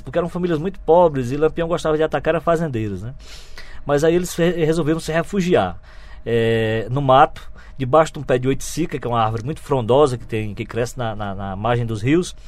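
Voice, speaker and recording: Man, quick delivery, lively colloquial storyteller, interview guest. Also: mid-range voice. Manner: lively, colloquial, with frequent tag questions. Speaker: author guest. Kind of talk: anecdotal storytelling.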